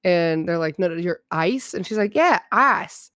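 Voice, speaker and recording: A woman chatting casually on a podcast, telling animated stories and acting out the people she quotes. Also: on the low side, moderate pace, clear, resonant tone, no echo, studio quality. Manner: animated storyteller, acts out quotes, laughs often. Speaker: podcast co-host. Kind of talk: casual chat.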